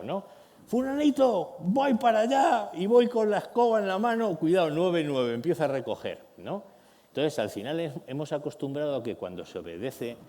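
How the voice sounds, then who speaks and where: Man preaching in a church, Spanish accent, lively and theatrical, mid pitch, big echoing hall. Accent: Spain Spanish. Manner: animated, acts out family scenes with shouted voices. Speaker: pastor. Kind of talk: sermon. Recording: long church reverb.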